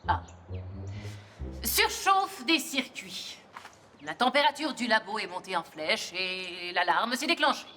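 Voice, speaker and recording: A woman's voice: medium pitch, big pitch swings, measured pace, sharp tone. A woman playing a proud, stubborn and theatrical superheroine inventor in a children's cartoon. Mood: exasperated. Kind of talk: animated children's show acting. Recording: music behind the voice.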